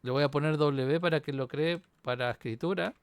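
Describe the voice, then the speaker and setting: A man's voice: fairly high pitch, moderate pace, smooth, no room sound. A university instructor, walking through a programming exam solution on screen and checking in with the class as he goes. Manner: explains step by step, checks in with "¿sí?". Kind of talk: screen-recorded coding walkthrough.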